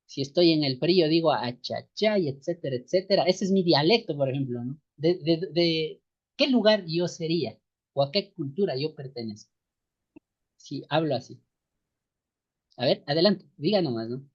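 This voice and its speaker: A man from the highlands teaches an online seminary class, speaking slowly and repeating his key points. He keeps asking the class rhetorical questions. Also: lively intonation, husky. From Ecuadorian highlands. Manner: slow, repetitive, rhetorical questions tagged with "no". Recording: dull lo-fi sound.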